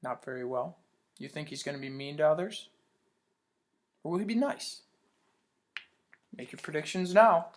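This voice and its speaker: This man's voice sits on the high side, animated at a moderate pace with long pauses. It's a read-aloud storytime: he teaches from a picture book, stopping to question the children and praise what they say.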